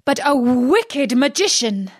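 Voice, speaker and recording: A woman voicing a young male hero who speaks in a bright, reassuring way. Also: high-pitched, very animated, slow pace, no room sound, studio quality, pitched above the performer's own voice, heavily acted. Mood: assured. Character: young hero Aladdin, brave and assured.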